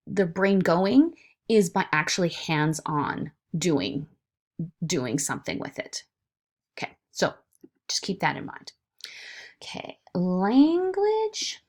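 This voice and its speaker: A woman's voice: mid-range voice, darkish tone. A woman lecturing informally to her students, with frequent fillers and restarts. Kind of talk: recorded online lecture.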